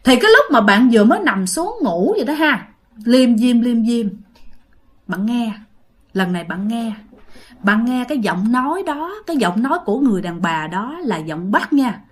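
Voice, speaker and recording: A woman spins a ghost story in a chatty, conversational style, repeating phrases and calling out to her listeners. Her voice is high and very lively, leaping up and down in pitch. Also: normal speed. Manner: animated, repetitive, addresses listeners directly.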